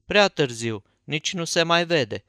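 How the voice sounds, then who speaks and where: Un bărbat care dă glas unui adolescent țanțoș și teatral, dintr-un audiobook. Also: male voice, on the high side, lively intonation, sharp tone, no room sound, clean studio sound. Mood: polite. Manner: theatrical, smooth-talking. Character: cocky, showy teenage boy.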